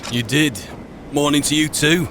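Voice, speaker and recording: A man with a fairly high pitch and moderate pace roleplays a wary wizard on an adventure, quietly musing in short bursts as he plays. Game ambience is audible, but there's no other background noise.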